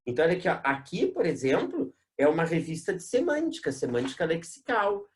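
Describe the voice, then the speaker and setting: A teacher with a Brazilian accent runs an exam-prep class in a classroom with a board. The voice sits at a middle height but swings up and down a great deal. Key terms get drawn out slowly, and nearly every sentence ends in a quick tag question. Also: mid-range voice, huge pitch swings, slight background noise.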